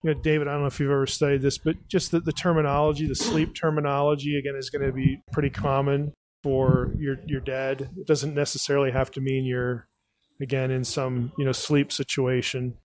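A man's voice: medium pitch, little pitch movement, brisk, darkish tone, a little hiss or hum. A podcast host answering an audience question at a live event. He thinks aloud, often restarts, and keeps saying "again" and "you know".

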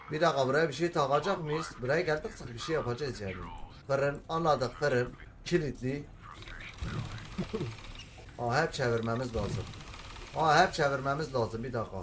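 A man's voice: medium pitch, a little hiss or hum. Bir oyunu oynarken bulmacaları kendi kendine çözen, zaman zaman heyecanla bağıran bir adam; oyun yorumu yapıyor. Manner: talks to himself while solving puzzles, bursts into shouting. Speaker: gamer. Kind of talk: let's play commentary.

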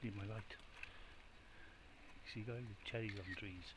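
A man's voice: lowish voice, fairly even intonation, measured pace. An older man with a Welsh accent, chatting casually to viewers while exploring a ruined cottage at night, swearing now and then. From Wales. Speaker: explorer filming and talking to camera. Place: overgrown garden of a ruined cottage at night, outdoors. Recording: noisy outdoor camera audio.

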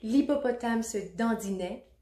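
A woman reading a children's picture book aloud, expressive and adding little asides for children. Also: a little high, a little slow. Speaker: storybook reader. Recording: roomy echo.

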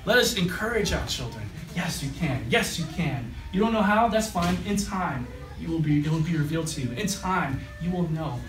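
A man's voice: a little high, lively intonation, normal speed, hardly any pauses. A young man preaching a short sermon and then a prayer, repeating phrases and calling on God again and again, standing and gesturing in a small room. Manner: exhorting, repeating phrases, calls on God in every line of prayer. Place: small room with brick wall. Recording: roomy, distant, music behind.

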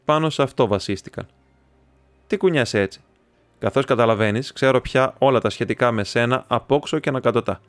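A man reading the part of a talkative, excitable young male student who rambles, chats and teases his friend. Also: medium pitch, no room sound, natural voice. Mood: chatty. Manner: rambling, chatty, teasing.

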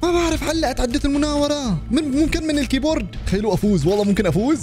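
A man giving excited commentary on his gameplay, laughing and yelling at the game as he plays. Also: very high voice, racing, loud music behind the voice. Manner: animated, laughing, shouting at the game. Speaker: gaming YouTuber.

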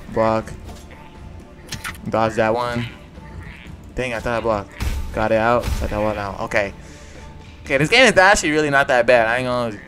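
A young man giving casual, slangy gameplay commentary in a low mumble, with faint music behind. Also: fairly bright tone. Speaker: gaming YouTuber.

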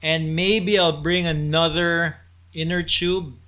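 A man in his thirties talking casually to camera from a small room at home, relaxed and chatty, with fillers and restarts. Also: a little high, slow pace. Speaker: cycling vlogger.

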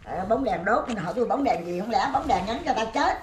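An older woman telling stories in casual chat, animated and exclaiming often. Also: medium pitch, a little fast. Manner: animated storyteller, laughing and exclaiming. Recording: noisy outdoor recording with animals.

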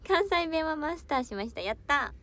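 A woman's voice: high voice, expressive, a little fast, fairly bright tone. Giggly young woman idol streaming solo. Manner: playful, giggly, tries out foreign words and dialect phrases. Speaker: idol livestream host. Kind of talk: casual livestream chat reading viewer comments.

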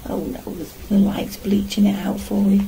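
A middle-aged woman paints in her small home studio indoors and chats casually to herself and the camera, as an artist and vlogger does. Her mid-range voice is mellow and level, with vocal fry, at a moderate pace.

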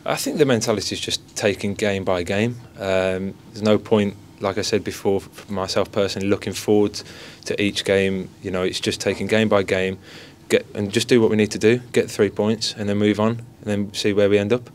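A young goalkeeper in his twenties gives a modest post-match interview, repeating stock phrases into a cluster of handheld mics and phones held close in an indoor press area. His fairly low voice stays steady, a little fast with few pauses. A bit of hiss or hum is audible.

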